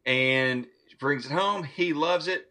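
A podcast host enthusiastically retells a film's plot in a casual movie review chat, swearing plenty and laughing as he recounts scenes. His voice is on the high side, slow, pushed and bright.

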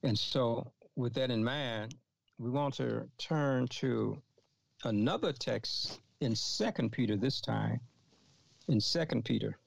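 Slow gravelly man teaching scripture. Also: medium pitch, no room sound. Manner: halting, repeats and restarts phrases, reads scripture aloud. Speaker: Bible teacher. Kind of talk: slow expository Bible teaching. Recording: dull lo-fi recording.

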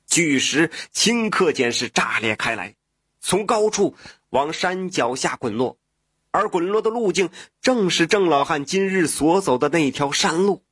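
A man narrating a folk tale in a lively oral storytelling manner, with spoken fillers. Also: fairly high pitch, unhurried, husky, dry recording, studio quality.

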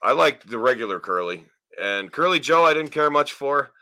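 A man's voice: mid-range voice, lively intonation, moderate pace, sharp tone. A man hosting a casual podcast and reacting to clips in a sweary, slangy, rambling way. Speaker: podcast host.

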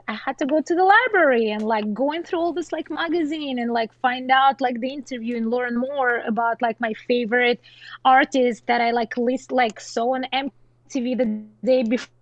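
A woman from Russia in her thirties, chatting casually about music, full of "like" fillers and quick laughs. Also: high-pitched, no echo, highs cut off. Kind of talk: casual chat.

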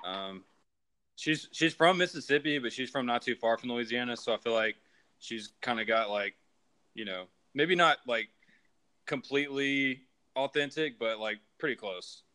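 A man's voice: mid-range voice, moderate pace, bright, forceful tone, smooth, low-quality recording. A young man, a guest on a casual sports podcast, talking in a chatty way with lots of "like.".

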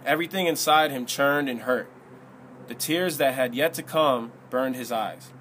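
Male narrator for an audiobook; steady, even storytelling read. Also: medium pitch, moderate pace, slight background noise.

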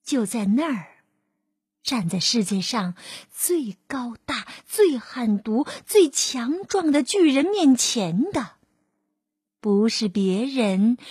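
A woman narrating a children's storybook in an expressive, drawn-out manner. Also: fairly high pitch, husky, no room sound, studio quality.

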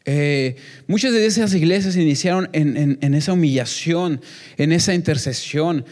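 A man's voice: a little high, moderate pace, a little mellow. A young man preaching a sermon to a congregation, earnest and repetitive, often restarting his phrases. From Mexico. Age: young adult.

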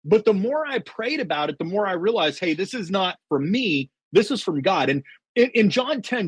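Brief: middle-aged man, lively sing-song delivery, eager storyteller on a faith podcast. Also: high-pitched, breathy edge, no room sound. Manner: earnest storytelling, quotes himself and God; many fillers and restarts, excited. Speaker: podcast guest. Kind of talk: testimony in a faith interview.

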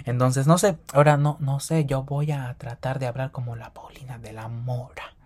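A young man hosting a solo podcast, rambling fast and animated with slang and self-corrections. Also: mid-range voice. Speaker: podcast host. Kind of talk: casual solo podcast monologue.

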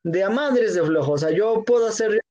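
A man's voice: sits high, lively intonation, normal speed, over a noisy crowd. A young man with a Mexican accent, making emphatic points in slang in a casual chat. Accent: Mexican Spanish. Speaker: co-host.

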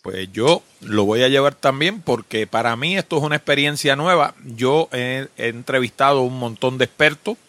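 A man's voice: mid-range voice, normal speed, few pauses, dry recording. A man hosting a tech podcast, talking in a chatty, conversational way and often using the same little filler phrases. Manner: chatty, animated, leans on the filler 'qué sé yo'. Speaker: podcast host. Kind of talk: conversational podcast intro and interview.

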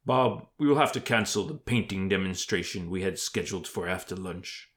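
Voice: low voice, animated. A narrator voicing a courteous, formal lord in a comic storybook fantasy, speaking without hurry. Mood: apologetic. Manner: slow, formal, unhurried. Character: slow, stately, courteous lord chairing a council.

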